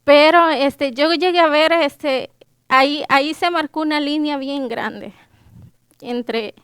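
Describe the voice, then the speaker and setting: A woman's voice: high-pitched, slow, a bit bright, no echo, studio quality. A young Salvadoran woman with a Salvadoran Spanish accent, telling her life story with frequent hesitant fillers and restarts, emotional and holding back tears. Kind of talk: personal testimony.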